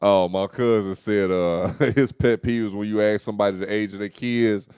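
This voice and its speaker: A young man co-hosting a casual talk show, full of slang and lively stories. His voice sits on the low side. The sound is close and dry, with no room echo. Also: moderate pace, clean tone. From Dallas, Texas. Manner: loose, slangy, animated storytelling. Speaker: host. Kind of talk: casual podcast chat.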